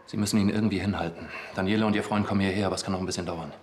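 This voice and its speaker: A man's voice: sits low, steady tone, rapid-fire, slight background noise, lightly acted. An actor playing an urgent, terse man taking charge in a television drama. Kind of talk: TV drama acting.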